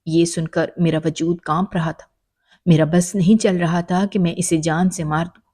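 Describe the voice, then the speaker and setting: Female storyteller, warm low voice, emotional first-person narration. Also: flat delivery, slightly rough.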